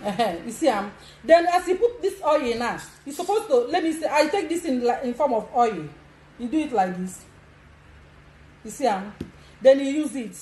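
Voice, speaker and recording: A woman's voice: high-pitched, animated, moderate pace, mellow, echoey room, slight background noise, poor audio. A Nigerian woman giving frank casual advice, laughing often and demonstrating as she talks. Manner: bold, laughing, demonstrative, mixes pidgin. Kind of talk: casual instructional chat.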